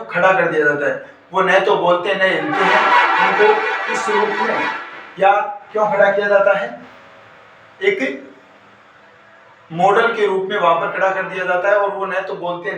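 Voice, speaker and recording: Man teaching in a booming echoey room. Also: fairly bright tone, a little hiss or hum. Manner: repetitive call-and-answer questioning. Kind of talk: exam-prep grammar lesson. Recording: very echoey room, far from mic.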